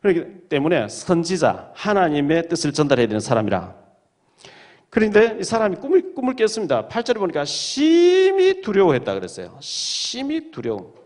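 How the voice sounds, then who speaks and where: A pastor preaches in a church sanctuary, his fairly high voice swinging up and down with lively energy at a moderate pace. He reads verses aloud and retells the stories dramatically, delivering the sermon with his audience in mind.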